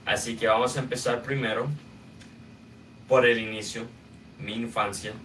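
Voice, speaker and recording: A young man from Guatemala with a Guatemalan Spanish accent, hosting a podcast and telling his own life story in a casual, unhurried way with many filler sounds. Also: mid-range voice, flat delivery, fairly bright tone, distant mic, slight background noise. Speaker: podcast host. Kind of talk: personal storytelling monologue.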